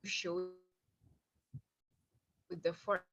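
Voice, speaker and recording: A woman's voice: lowish voice, level tone, drawn-out words, fairly bright tone, slight background noise. A young woman gives a student presentation over a video call whose connection keeps breaking up. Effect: choppy, breaking-up video call connection. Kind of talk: online class presentation.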